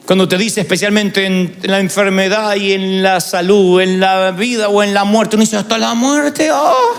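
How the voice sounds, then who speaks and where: A man preaching a sermon as pastor, lively and dramatic, acting out the voices of people he quotes. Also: sits high, normal speed, in a large hall.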